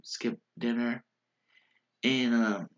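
With fairly even intonation and drawn-out words, a man in his thirties talks in a mid-range, congested voice whose highs are cut off. Seated at a desk webcam in his small bedroom, posters on the walls, he gives a rambling, casual reality show recap packed with fillers and restarts.

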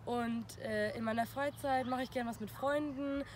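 Teen girl, slightly high voice, faint outdoor noise. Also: fairly even intonation, normal speed. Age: teens. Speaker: student introducing herself. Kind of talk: casual self-introduction. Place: outdoors on a path.

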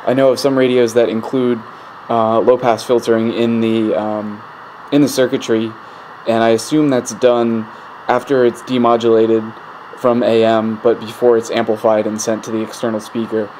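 At his indoor electronics workbench, a hobby-channel host with a fairly low voice rambles hesitantly at normal speed while casually explaining technical details. The rough recording comes from a handheld camera mic behind the lens, with steady static noise and radio static from a speaker.

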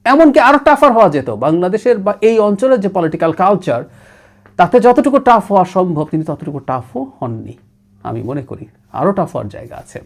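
Middle-aged male political commentator, analytical and animated. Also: high-pitched. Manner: analytical, mixes English words and phrases into Bengali.

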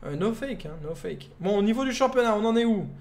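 High-voiced Belgian young streamer. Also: male voice, lively intonation, fairly quick, a little mellow. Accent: Belgian French. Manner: casual, joking, talks to chat as "frérot". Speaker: gaming streamer. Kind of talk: live gameplay commentary, chatting with viewers.

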